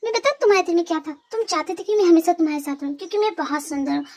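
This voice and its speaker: A woman's voice: very high-pitched, rapid-fire, darkish tone. A woman voicing a vain, spoiled young college girl in a fan dub drama, teasing, pushy and boastful.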